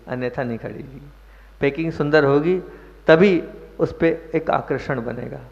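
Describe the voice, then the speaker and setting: A male monk delivers a sermon at a middle pitch, pausing to ask his listeners questions and leaning hard on key words. The sound is dull and lo-fi, with a long reverb from a large hall. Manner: explains verses, asks the audience questions, stresses words. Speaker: Jain monk giving a sermon. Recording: muffled echoey hall recording.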